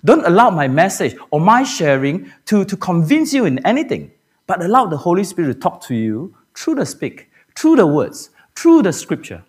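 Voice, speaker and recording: A man's voice: high-pitched, huge pitch swings, moderate pace. A man from Singapore, a pastor preaching a Good Friday sermon in a church and asking the congregation rhetorical questions. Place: church sanctuary.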